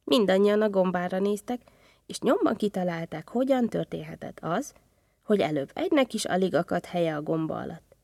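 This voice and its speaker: Storyteller: woman, low and gravelly, lively children's reading, dry sound. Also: no room sound.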